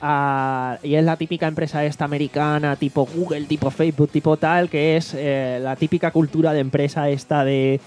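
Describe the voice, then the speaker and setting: Chatty man, slightly high voice. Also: flat delivery, normal speed, few pauses, darkish tone, faint music behind. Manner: retells a comedy show with lots of fillers and swearing. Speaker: podcast host. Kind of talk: casual chat.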